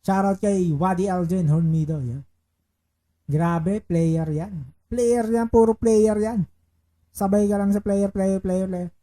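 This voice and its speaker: Chatty male live-streamer, mellow voice. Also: sits high, fairly even intonation, slow. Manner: chatty, reads out viewer shoutouts and chants betting calls. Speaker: livestreaming baccarat player. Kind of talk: casual live-stream chat.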